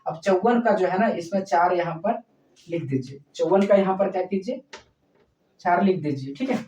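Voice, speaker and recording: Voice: medium pitch, darkish tone. A math teacher working through a problem step by step, checking in with the class after every point. The voice sits in a roomy, echoing space and is heard from some distance from the mic. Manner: explains slowly, often checks in with "okay?"; addresses students fondly as "child". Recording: echoey room, voice far from mic.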